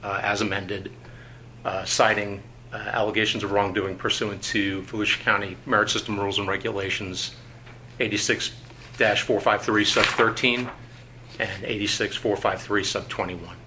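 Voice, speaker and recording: Old interrogation tape, guy reading the rules flat and bureaucratic, lots of uhs, low-ish voice. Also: noisy background. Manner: reads procedure in a measured, bureaucratic tone with frequent "uh"s. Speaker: internal affairs investigator. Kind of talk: formal official interview. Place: conference room. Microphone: tabletop recorder.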